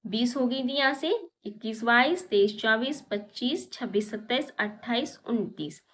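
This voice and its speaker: A woman teacher patiently walking young children through a lesson, counting slowly and repeating her questions. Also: a little high, lively intonation, a bit bright.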